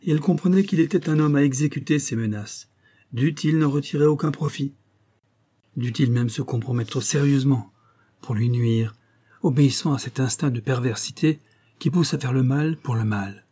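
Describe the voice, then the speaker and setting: A man reading a classic novel aloud in a measured, literary way. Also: mid-range voice, warm tone, breathy edge. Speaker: audiobook narrator.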